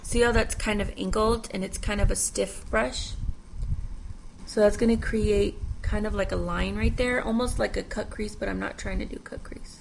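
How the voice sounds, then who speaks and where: A woman's voice: medium pitch, fairly even intonation, normal speed, creaky, slight background noise, low-quality recording. A young woman chatting casually at home through a makeup tutorial, rambling with self-deprecating asides. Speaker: makeup vlogger.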